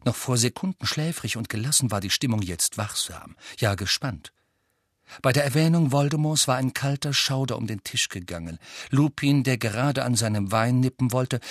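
A man reading a novel aloud in measured, scripted narration. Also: mid-range voice, no echo, studio quality. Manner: measured, crisp storytelling. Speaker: audiobook narrator.

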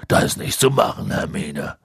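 A man voicing a huge, good-natured male half-giant gamekeeper in an audiobook, with a deep gruff voice and a slow, blunt, folksy drawl. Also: no echo, studio quality, natural voice. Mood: stubborn. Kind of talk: audiobook character voice.

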